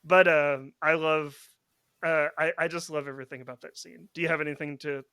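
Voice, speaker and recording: A man's voice: on the high side, steady tone, fairly quick, bright, forceful tone, smooth, dry recording. A man hosting a film podcast, talking casually with frequent restarts and "like" fillers. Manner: rambling, many restarts and "like" fillers. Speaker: podcast host.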